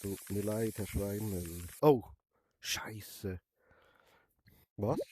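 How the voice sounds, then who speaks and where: A young man with a Swiss German accent and a cold streams a VR barber game, joking in character and ending lines with a questioning "hä?". His voice is on the low side, extremely slow and mellow, with slight background noise.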